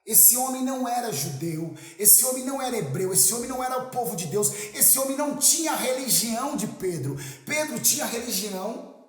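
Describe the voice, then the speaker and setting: A man preaching a sermon, telling a story emphatically with dramatic slowdowns. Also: very high voice, animated. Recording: echoey room, voice from a distance.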